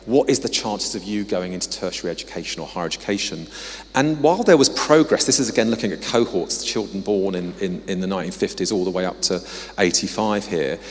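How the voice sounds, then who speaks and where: Quick and low-voiced, the English man walks through his slides in a casual conference talk, offering apologetic asides. He's a guest speaker whose research is on social mobility. The recording carries a hall's long reverberation.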